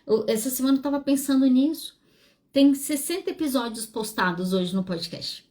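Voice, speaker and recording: A woman, hosting a solo podcast as a psychologist, speaking frankly and animatedly with wide swings in pitch. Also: normal speed, warm tone. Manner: frank and self-deprecating.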